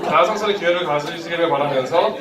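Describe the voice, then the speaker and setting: Male prize announcer, high voice, playful but formal stage host, recorded far from the mic amid a loud live crowd. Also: fast talker, reverberant. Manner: playful, joking, laughs while announcing. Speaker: host of a prize draw at a band concert. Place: indoor live music venue. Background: loud audience crowd.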